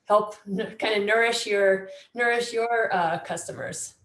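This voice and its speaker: A woman fitness instructor talks hesitantly and often pauses to search for words. Her voice rings out in an echoey room. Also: mid-range voice, fairly bright tone. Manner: hesitant, many fillers. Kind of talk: casual interview talk.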